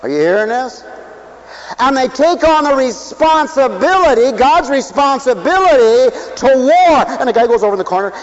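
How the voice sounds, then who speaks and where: A man preaching a sermon, swinging between loud calls and low asides and asking the crowd questions. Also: expressive, normal speed, dull audio.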